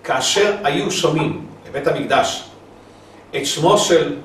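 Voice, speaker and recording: A man's voice: fairly high pitch, fairly bright tone. A man giving a recorded religious lesson. He reads a source aloud, then explains it in plain words with small asides. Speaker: Torah teacher. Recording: echoey room, distant mic, faint hiss.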